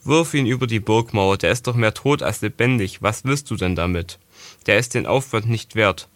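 A man's voice: lowish voice, normal speed, no room sound, close to an everyday voice. A man voicing a bossy older boy at a castle, reproachful and scornful, in a storybook reading. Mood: disdainful.

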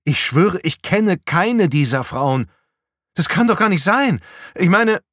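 A man's voice: mid-range voice, lively intonation, normal speed, husky, dry recording, clean studio sound. A man playing a bewildered husband who stammers his denials in an audiobook. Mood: stammering. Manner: stammering, disbelieving.

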